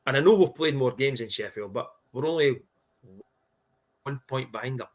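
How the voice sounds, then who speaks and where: A man's voice: mid-range voice, normal speed. A middle-aged man with a broad Scottish accent, chatting casually about sport as a podcast co-host in a blunt, sweary, colloquial way.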